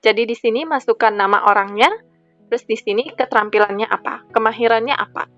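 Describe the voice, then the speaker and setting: A woman with an Indonesian accent teaching a Japanese grammar lesson, repeating each example sentence slowly and patiently. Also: fairly high pitch, dry recording. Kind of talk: slide-based grammar lesson. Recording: muffled voice-over with soft background music.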